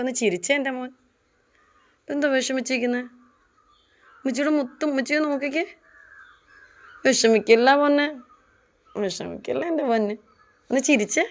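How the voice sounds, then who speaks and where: Soft coaxing young mother. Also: fairly high pitch. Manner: gentle, coaxing, repeats endearments. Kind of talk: comforting talk to a small child.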